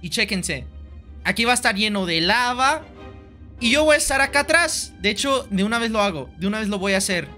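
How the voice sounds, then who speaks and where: A young man with a Mexican Spanish accent chats through a live game stream, bright and sharp in tone. He rambles playfully, swears offhandedly and says many lines twice. Soft music runs underneath. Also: sits high, animated, brisk. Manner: playful, rambling, swears casually, repeats himself. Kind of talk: joking gameplay live stream. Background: faint background music.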